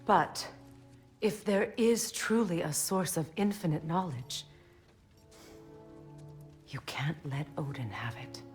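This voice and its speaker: An actress playing a grave woman ally who gives a hushed, urgent warning in video game dialogue. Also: deep voice, takes it slowly, pauses often, soft background music.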